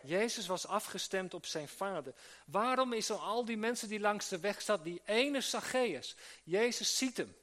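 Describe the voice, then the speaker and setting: Earnest high-voiced preacher. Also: male voice, lively intonation, moderate pace, bright, forceful tone. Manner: earnest, with restarts and rhetorical questions. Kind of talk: sermon to church workers. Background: live audience he addresses.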